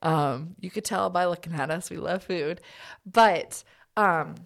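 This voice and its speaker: A young adult woman co-hosting a casual podcast, animated and full of fillers as she chats. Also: lowish voice, measured pace, gravelly. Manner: animated, bubbly, lots of fillers. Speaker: podcast co-host. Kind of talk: casual chat.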